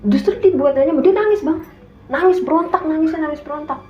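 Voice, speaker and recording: A woman's voice: high-pitched, fast. A young woman with a Jakarta slang accent, telling a story as a guest in casual talk and acting out quotes. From Indonesia. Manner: animated, acts out quotes in a raised voice. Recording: echoey room, dull sound, faint hum.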